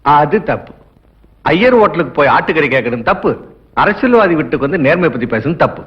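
An actor playing an arrogant, corrupt government minister in a film drama, haughty and scornful, speaking in rhetorical flourishes. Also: male voice, a little high, very animated, brisk. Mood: brazen, scornful. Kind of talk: dramatic Tamil film dialogue. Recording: dull lo-fi film soundtrack.

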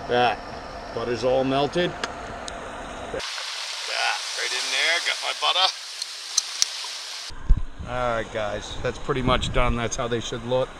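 A man, chatting slowly to the camera while cooking on a rocky seashore. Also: medium pitch, vocal fry. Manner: slow, relaxed, talking to the camera while cooking. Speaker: outdoor vlogger. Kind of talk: casual outdoor cooking vlog. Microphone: action camera on a tripod. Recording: loud outdoor background noise.

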